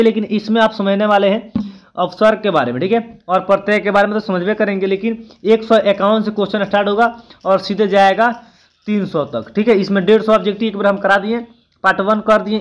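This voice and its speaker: A man teaching a casual exam-prep lesson, chatty, thinking aloud and correcting himself as he goes. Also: high-pitched. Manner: chatty, keeps adding "ठीक है" after points.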